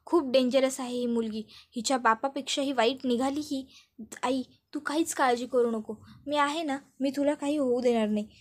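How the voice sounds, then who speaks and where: A woman's voice: high-pitched, fairly even intonation, moderate pace. A woman voicing an angry young heroine who vows to protect her mother. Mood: indignant. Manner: indignant, then reassuring.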